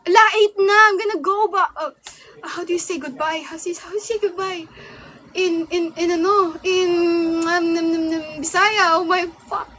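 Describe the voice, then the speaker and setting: A woman's voice: very high voice, fairly even intonation, normal speed, fairly bright tone, a little hiss or hum, poor audio. A young woman livestreaming, chatting playfully and reacting to viewer comments. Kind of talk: casual live-stream chat.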